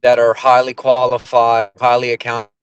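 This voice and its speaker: A man speaking on a video call at a committee meeting, his audio breaking up and cutting out as he talks haltingly and restarts. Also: medium pitch, monotone, smooth, no room sound, lo-fi sound. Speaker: state hospital official. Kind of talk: remarks at an online committee meeting.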